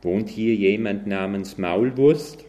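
A fussy, distrustful snail postman from a children's storybook, voiced by a man reading aloud. It drags out every word very slowly in a deep voice. It sounds pedantic and suspicious. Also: warm tone.

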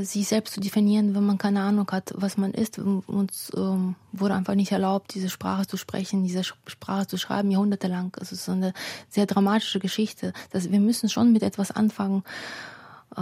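A woman from Ukraine who grew up speaking talks slowly about her views, pausing often on fillers and restarting words. Her voice is husky and gravelly, darkish in tone and fairly flat in melody. The sound is dry and close. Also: medium pitch, no room sound. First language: Russian. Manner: hesitant, many fillers and restarts. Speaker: writer, interview guest. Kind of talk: reflective interview answers.

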